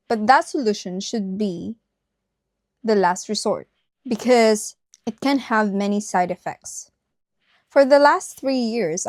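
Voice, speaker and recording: A woman's voice: mid-range voice, darkish tone, dry recording, studio quality. A woman vlogger narrating a personal story directly to her viewers.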